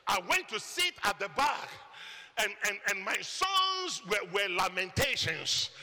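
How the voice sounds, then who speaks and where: A Ghanaian man preaching a sermon testimony, telling his story with lively quoted voices. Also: high voice, measured pace. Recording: echoey hall reverb.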